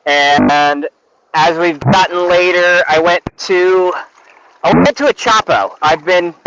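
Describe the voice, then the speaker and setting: Guy calling in from a river on his phone mic, muffled and noisy, lots of ums. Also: on the high side. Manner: hesitant, full of fillers. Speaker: guest angler calling in. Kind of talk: casual chat. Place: outdoors on a river. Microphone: phone microphone. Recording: dull lo-fi phone audio with noise.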